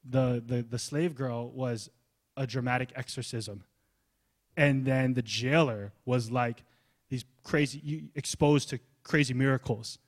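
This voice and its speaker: A man preaching a sermon in a loose, conversational way, acting out little asides and building up to energetic emphasis. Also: medium pitch, unhurried. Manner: loose, casual phrasing with fillers. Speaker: pastor.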